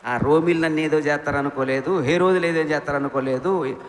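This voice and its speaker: A man preaching a sermon with passion, firing rhetorical questions and swinging between loud appeals and quiet, low lines. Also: steady tone, fairly quick. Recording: echoey hall with faint ambience.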